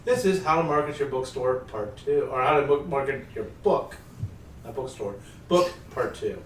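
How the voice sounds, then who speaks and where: A man's voice: medium pitch, expressive, moderate pace, a little hiss or hum. A man hosting a casual writers' roundtable podcast, loose and rambling, often correcting himself. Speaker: podcast host and producer. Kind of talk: casual panel chat. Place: shared room around a table. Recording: roomy room sound, distant mic.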